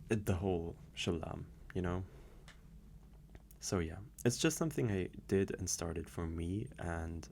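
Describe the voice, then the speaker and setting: Answering viewer questions in a loose, rambling monologue full of restarts and hesitation, a male audio creator speaks in a low, gravelly voice. A little background noise can be heard.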